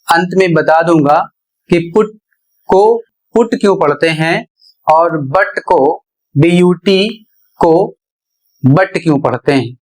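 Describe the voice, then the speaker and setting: Slow, deliberate male teacher. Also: a little high, low-quality recording. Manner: slow, deliberate, repeats phrases while explaining. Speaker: English pronunciation teacher. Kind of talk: explanatory lesson, spelling words letter by letter.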